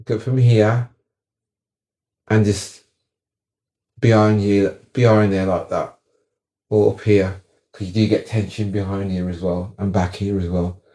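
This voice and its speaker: A man's voice: on the low side, flat delivery, unhurried, long pauses, mellow. A man giving casual, chatty advice on relaxing, showing the moves as he talks and repeating words for stress. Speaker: wellness coach.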